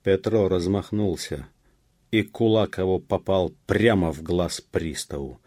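A man reading literary prose for an audiobook in a measured, dramatic way. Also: sits low, a little mellow, no room sound, studio quality. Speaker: audiobook reader. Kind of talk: scripted literary narration.

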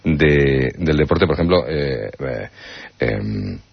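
A man's voice: very deep voice, animated, takes it slowly, creaky, husky, dry recording. A man, a guest poet, talking reflectively in a radio interview, often tagging his points with a questioning "no?". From Spain. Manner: reflective, wordplay-loving, frequent rhetorical "¿no?". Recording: dull radio broadcast sound.

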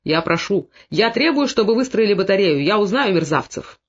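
A man voicing an arrogant, hot-tempered gendarme officer who shouts indignantly. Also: high-pitched, lively intonation, moderate pace, muffled recording, full character voice. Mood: demanding.

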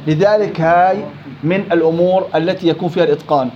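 A man's voice: fairly high pitch, fairly even intonation. A man teaches Quran recitation, drawing out sample words and firing questions at his students. The recording is dull and lo-fi, with a faint hiss underneath. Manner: demonstrates words slowly, repeating them and asking the class questions. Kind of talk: tajweed lesson. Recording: dull lo-fi with faint background noise.

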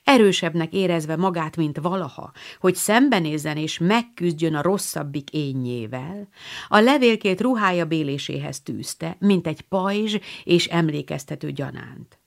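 A woman reading an audiobook in a measured, expressive narration. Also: low-pitched, gravelly. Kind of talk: scripted narration.

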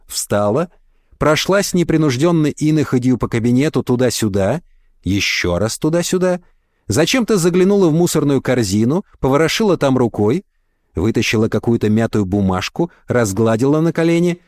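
Man reading an animated audiobook. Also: mid-range voice, normal speed, no room sound, studio quality. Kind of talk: audiobook narration.

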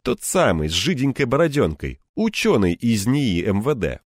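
A man's voice: medium pitch, huge pitch swings, normal speed, dry recording, studio quality. A man reading a first-person audiobook narration with wry, ironic asides.

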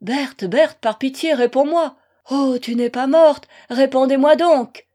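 A woman's voice: sits high, slow, dark tone, voice pushed up. Lady doing a grieving young guy calling out frantically, storybook reading. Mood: desperate. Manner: frantic crying out. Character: desperate grieving young man. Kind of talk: audiobook reading.

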